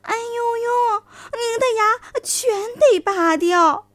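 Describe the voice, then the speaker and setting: A woman voicing a cunning male fox in a children's story, flattering and wheedling. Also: extremely high pitch, slow, dry recording, pitched above the performer's own voice. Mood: sly. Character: sly smooth-talking male fox.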